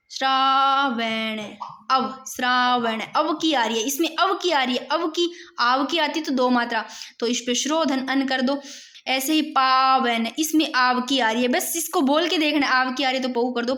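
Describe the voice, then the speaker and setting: A woman teaching a grammar lesson, sounding out each example word slowly and calling her students "bhai". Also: high voice, fairly bright tone.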